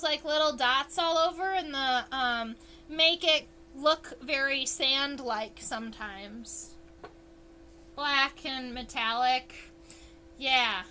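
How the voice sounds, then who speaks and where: A woman's voice: high voice, pushed and bright, a little hiss or hum. A woman entomologist hosting a casual livestream, explaining insect anatomy under a microscope and answering viewers' chat. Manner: chatty, unhurried, reads chat aloud.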